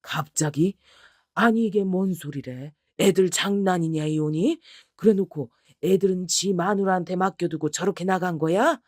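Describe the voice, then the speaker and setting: A woman's voice: on the low side, moderate pace, darkish tone, no room sound, studio quality, lightly acted. A woman voicing an elderly father who scolds and then soothes his daughter in a story reading. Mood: worried. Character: elderly father, gruff but caring.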